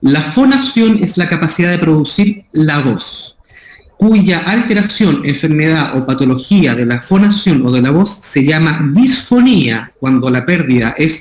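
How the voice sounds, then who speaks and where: A man's voice: fairly high pitch, darkish tone. A man with a Chilean Spanish accent giving a methodical, explanatory lecture on voice care, repeating his key terms. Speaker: voice care workshop instructor. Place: school room. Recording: echoey room.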